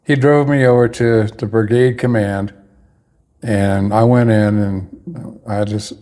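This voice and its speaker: A man's voice: fairly low pitch, steady tone, takes it slowly, mellow. A man telling a personal story in a casual, rambling way, often stopping to correct himself mid-sentence. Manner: rambling, with restarts and self-corrections.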